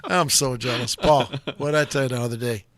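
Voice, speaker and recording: A man's voice: medium pitch, brisk, a bit bright. An older man hosting a live talk show, chatting in a rambling, enthusiastic and jokey way.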